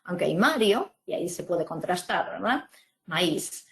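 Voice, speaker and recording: A woman from presenting an online teaching webinar, explaining slowly with many fillers and tag questions. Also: on the low side, animated, vocal fry. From Spain.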